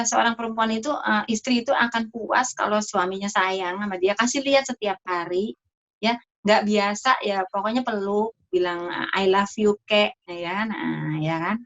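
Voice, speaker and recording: A middle-aged woman doctor giving a casual talk on marriage health to an audience, chatty with lively asides. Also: fairly high pitch, measured pace. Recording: dull lo-fi sound.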